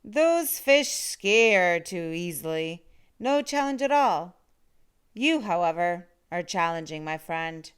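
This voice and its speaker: A woman's voice: lowish voice, lively intonation, slow pace, clean tone. A woman voicing a friendly, hungry male monster who growls and teases with playful menace. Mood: affable, teasing. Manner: growling, teasing.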